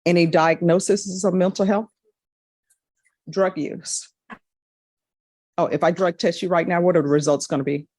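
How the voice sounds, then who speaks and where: A woman serving as a judge, speaking in a measured, procedural way, heard in a courtroom recording. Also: fairly low pitch, fairly even intonation, a little mellow, no room sound, clean studio sound. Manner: measured, procedural, plainly spoken.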